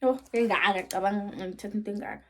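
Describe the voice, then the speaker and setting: A woman with a South African accent chatting casually in a vlog, talking quietly with relaxed fillers and asides. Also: mid-range voice, fast. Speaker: vlogger.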